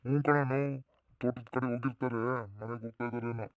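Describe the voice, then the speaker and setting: Brief: man as a cartoon village neighbor, rapid friendly chatter, tinny phone-like sound. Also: medium pitch, flat delivery, no echo, lightly acted. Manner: quick friendly village banter.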